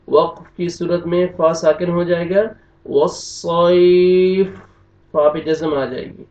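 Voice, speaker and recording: Pakistani-accented guy teaching tajweed, high-ish mellow voice, sounds far off in an echoey room. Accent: Pakistani Urdu. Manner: slow drawn-out recitation alternating with brisk explanation. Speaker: Quran teacher. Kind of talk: tajweed lesson, spelling out and reciting. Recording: roomy, distant, dull lo-fi sound.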